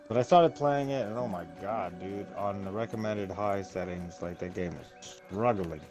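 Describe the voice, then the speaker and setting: Over music, a gamer with a fairly low voice chats at a normal speed as he plays, wandering from topic to topic and cursing without restraint. Clicks and obvious noise come through his game-session mic.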